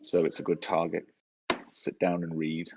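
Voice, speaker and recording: A man hosting a casual online chat, talking in a relaxed, easygoing way. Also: deep voice, moderate pace, vocal fry, noisy background. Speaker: host. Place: at home on a call.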